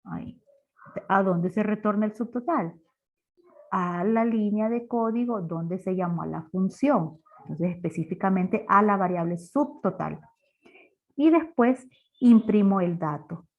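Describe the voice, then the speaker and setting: Over a dull, lo-fi online class recording, a woman with a medium-pitched voice explains programming step by step at a slightly slow pace. Her manner is instructive, and she keeps asking rhetorical questions.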